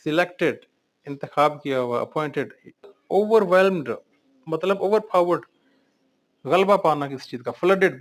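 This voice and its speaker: Man drilling English vocabulary in Urdu. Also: fairly high pitch. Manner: reads each word aloud, then lists synonyms and meanings. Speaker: English teacher.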